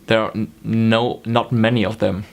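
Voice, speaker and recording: His voice is fairly low, gravelly and level, moving at a normal speed. This young knitting vlogger from Germany has a German accent and chats loosely to a close-framed camera in a small home room, often saying um and correcting himself.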